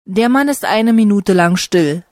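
A woman narrating a short story slowly and carefully, for language learners. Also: mid-range voice, lively intonation, a little mellow, no room sound, clean studio sound.

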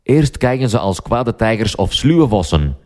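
A man's voice: on the low side, big pitch swings, moderate pace, darkish tone. A man voicing a stern, wry police sergeant in a language-learning story, speaking firmly and dryly.

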